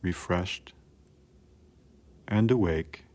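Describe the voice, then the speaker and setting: A man calmly narrating a scripted guided relaxation in a soothing, measured way with long pauses. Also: low-pitched.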